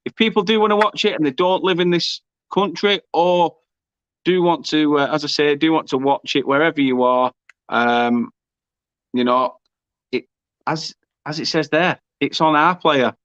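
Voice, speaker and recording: Man, football watchalong host, smooth voice, dry muffled sound. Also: fairly high pitch, moderate pace, no echo. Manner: excitable, shouts during goal moments. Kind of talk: live football watchalong commentary.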